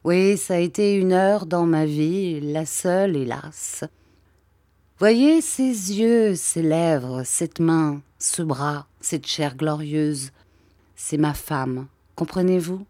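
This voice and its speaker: A woman's voice: low voice, slow, dark tone, no echo. A woman reading aloud, voicing a shy, sad middle-aged male painter who pleads plaintively and belittles himself. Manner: plaintive, self-deprecating pleading.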